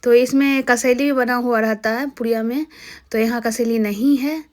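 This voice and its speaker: A woman's voice: a little high, fairly even intonation, moderate pace. A young woman, chatting casually as she explains wedding customs to her viewers. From Bihar, India. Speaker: vlogger. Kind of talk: casual vlog voice-over.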